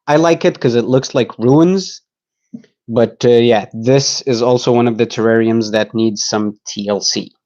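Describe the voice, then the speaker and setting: A man's voice: mid-range voice, a little mellow, muffled recording. A young man giving a casual, joking live tour, talking in an easygoing, rambling way.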